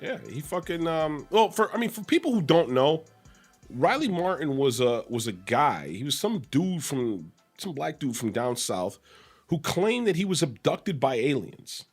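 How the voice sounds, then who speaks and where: A man swapping stories on a casual talk show. His voice is on the higher side and swings widely in pitch. He curses freely and tells his tales loosely. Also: very animated, a little slow, husky, faint music behind. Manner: loose, profane storytelling with laughs. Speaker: podcast co-host. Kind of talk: casual chat.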